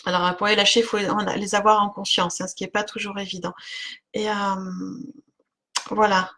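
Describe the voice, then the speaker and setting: A woman's voice: medium pitch, level tone, normal speed, sharp tone. A woman giving an oracle card reading on a live stream, chatting with viewers by name, with lots of fillers and little laughs.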